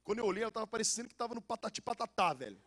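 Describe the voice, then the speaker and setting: High-voiced joking Goiás preacher man. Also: very fast. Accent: Goiás Brazilian Portuguese. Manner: animated and joking, with casual slang. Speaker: pastor. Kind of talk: lively storytelling sermon.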